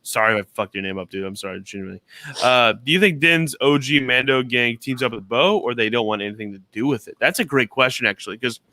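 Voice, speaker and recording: A man with a bright, forward voice hosts a laid-back podcast, reading out viewer comments with a friendly, joking manner. The sound is close and dry, with no room around it. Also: mid-range voice, dry recording. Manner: friendly, quick apologies, joking. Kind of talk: casual chat.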